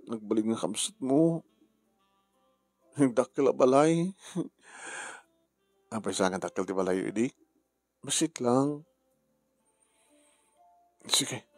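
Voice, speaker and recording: A man's voice: mid-range voice, darkish tone, breathy edge, no echo, heavily acted. A man speaking heartfelt family drama dialogue.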